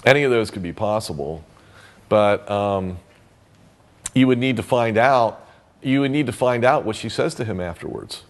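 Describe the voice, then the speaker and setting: A man explains therapy methods in a relaxed, off-the-cuff teaching style. His voice sits on the lower side, and he keeps circling back with fillers and restarts as he works out his point. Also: moderate pace. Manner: conversational, loose, full of fillers and restarts. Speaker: therapy trainer. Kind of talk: casual teaching talk.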